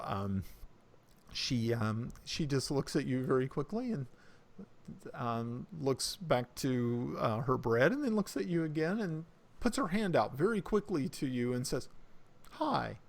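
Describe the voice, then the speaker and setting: A man's voice: medium pitch, measured pace. A man narrating a tabletop game as game master, in a loose, rambling manner. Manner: lively, loose with fillers.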